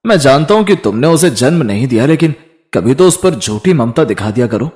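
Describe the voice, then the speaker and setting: A man voicing a weary middle-aged father who pleads slowly and softly. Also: medium pitch, big pitch swings, natural voice. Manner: slow, pleading.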